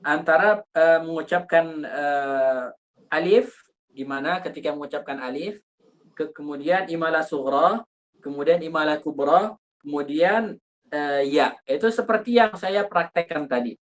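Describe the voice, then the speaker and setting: A man leads a recitation lesson in a relaxed, chatty way. He searches for words aloud and breaks into sung examples of how the vowels should sound. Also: a little high, unhurried. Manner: informal, thinks aloud with fillers, demonstrates vowel sounds. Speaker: Quran recitation teacher. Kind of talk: explaining recitation rules in a class.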